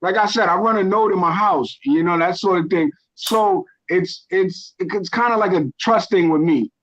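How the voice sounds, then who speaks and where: A man's voice: sits high, moderate pace, fairly bright tone. Passionate, rambling man from Ghana. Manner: passionate, rambling, self-correcting. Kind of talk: casual crypto chat. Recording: dull lo-fi stream audio.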